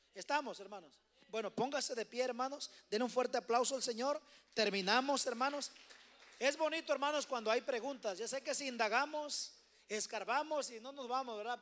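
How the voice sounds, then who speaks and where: A man's voice: very high voice, fairly bright tone. A man leading a church Bible study, exhorting the congregation and repeatedly addressing them as brothers. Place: church hall.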